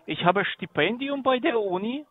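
A man who is not a native German speaker answers a call and is heard over a tinny phone line, talking haltingly and repeating his words. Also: very high-pitched, expressive, breathy edge, no echo. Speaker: prank call target. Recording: narrow phone-line sound.

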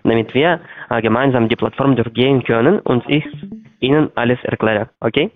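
A man with a foreign, non-native accent in German, speaking haltingly as he searches for words on a sales phone call. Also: mid-range voice, faint music behind. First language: not German. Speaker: phone sales agent for trading platform. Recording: tinny, narrow-band phone line.

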